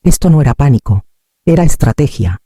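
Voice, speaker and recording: A woman narrating a scripted story in a calm, measured way. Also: very deep voice, no echo, clean studio sound.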